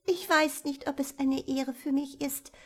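A woman's voice: high-pitched, little pitch movement, measured pace, fairly bright tone, voice pushed up. A woman voicing a shy, tearful young girl who speaks out bluntly, in a storybook reading. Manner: childishly outspoken, whiny.

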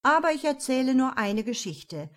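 A woman voicing a small, stout, kindly male storyteller in a read-aloud fairy tale, with a gentle, lower voice. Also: big pitch swings, normal speed. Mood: genial.

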